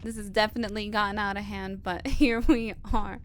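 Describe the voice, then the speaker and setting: A woman's voice: medium pitch, steady tone, brisk, slight background noise. A woman giggling and fretting nervously as she comments on a video game she is playing. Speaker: gaming streamer.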